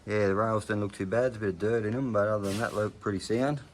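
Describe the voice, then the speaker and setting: A man's voice: lowish voice, steady tone, quick pace, a little hiss or hum. A man with a broad Australian accent giving laconic, slangy, off-the-cuff commentary in a casual workshop vlog. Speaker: hobby car restorer presenting progress videos.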